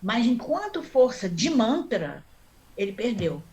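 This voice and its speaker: A woman's voice: a little high, sing-song, a little mellow. A woman teaching a Sanskrit class online, explaining step by step and often checking in with her students. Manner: chants mantra syllables slowly.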